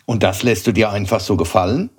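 A man reading an audiobook, voicing a gruff, grumpy old bookseller who growls and scolds as he questions a boy. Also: lowish voice, fairly quick, darkish tone.

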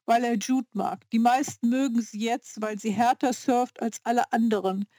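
A woman reading a novel aloud as a first-person audiobook narrator, in a slow, measured way. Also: on the high side, dry recording.

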